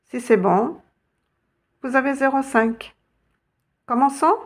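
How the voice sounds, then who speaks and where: A woman's voice: high-pitched, slow. A woman teaching a lesson, patiently guiding learners step by step and spelling out letters. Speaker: Arabic teacher.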